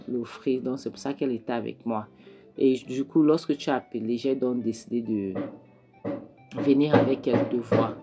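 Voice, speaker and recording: A woman's voice: extremely low pitch, dark tone. Woman casually retelling a film plot. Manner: retells scenes quoting dialogue, with frequent restarts. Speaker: film recap narrator. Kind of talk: casual movie recap storytelling. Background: faint background music.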